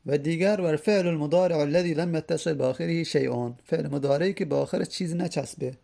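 A man teaching a grammar lesson in a methodical, repetitive way. He reads each rule aloud first and then explains it. His voice is fairly high for a man, gravelly, and mellow in tone.

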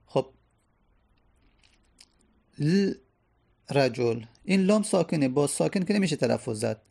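Male teacher, raised pitch, gravelly edge; methodical lecture, asks and answers himself. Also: expressive, mellow. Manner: explains step by step, repeats terms, asks and answers his own questions. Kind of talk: grammar lesson.

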